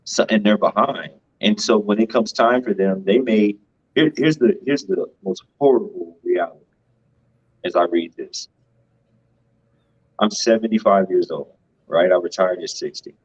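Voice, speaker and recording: Husky low-voiced man, emphatic. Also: normal speed, highs cut off. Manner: emphatic, tags points with "right?". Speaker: co-host of a finance show. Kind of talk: casual financial commentary.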